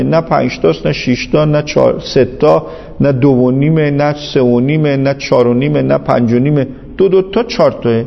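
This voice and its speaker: Gravelly male teacher, seminary lecture, argumentative and emphatic, slightly high voice, long hall reverb. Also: muffled recording. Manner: argumentative, patient, repeats points emphatically. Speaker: teacher of Islamic jurisprudence.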